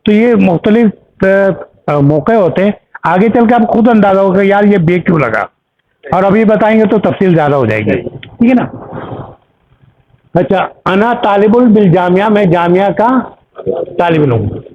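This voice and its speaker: A man's voice: high voice, lively intonation, moderate pace, a little hiss or hum. A man teaching an Arabic class, explaining grammar patiently with examples and checking that students follow. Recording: tinny phone-like recording.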